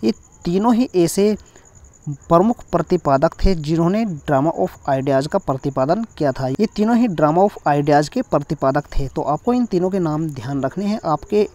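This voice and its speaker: A man's voice: a little high, warm tone. A man teaching a class, explaining step by step and repeating key points for an exam, with English terms in an Indian accent. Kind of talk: exam-focused lecture.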